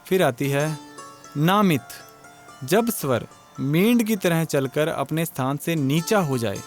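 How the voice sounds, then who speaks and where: Man teaching music theory, slightly high voice, question-and-answer explaining, faint music behind. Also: expressive, slow. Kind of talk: exam-prep lecture.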